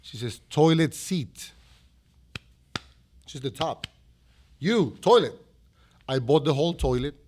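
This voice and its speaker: A man's voice: on the high side, expressive, slow, pauses often, darkish tone, a little hiss or hum. A man from Mexico with a Mexican accent, a restaurant owner being interviewed, telling stories animatedly, acting out quotes and restarting his phrases. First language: Spanish. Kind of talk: storytelling interview.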